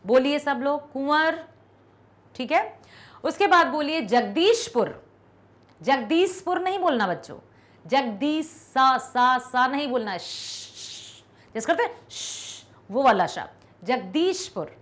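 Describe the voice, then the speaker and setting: A woman teacher giving an online lesson to children, slowly drawing out each syllable, repeating words for pupils to echo and praising them often. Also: high voice, fairly bright tone. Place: recorded for an online class video.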